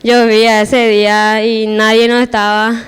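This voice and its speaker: A woman's voice: a little high, little pitch movement, unhurried, smooth. A teenage girl giving a personal church testimony, hesitant and repeating her words as she restarts.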